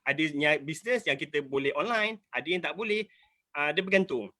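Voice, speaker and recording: Malaysian man in his 40s, high and bright voice, entrepreneur pleading his case on a video call. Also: expressive, moderate pace. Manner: emphatic, rambling, repeating himself. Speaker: entrepreneur asking questions. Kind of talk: earnest appeal in an online business talk.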